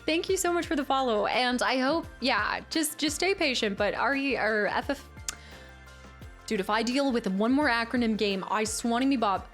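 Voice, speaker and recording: A young woman streamer chats casually with her viewers, reading the chat aloud, laughing and teasing herself. Her voice is fairly high and bright at a moderate pace, with faint music behind it.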